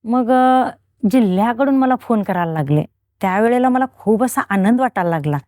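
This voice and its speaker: A woman's voice: fairly high pitch, lively intonation, normal speed, darkish tone, no echo, studio quality. A middle-aged woman giving a spiritual testimony, acting out past conversations in quoted speech. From Khanapur, Belgaum, India. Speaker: interviewee, devotee.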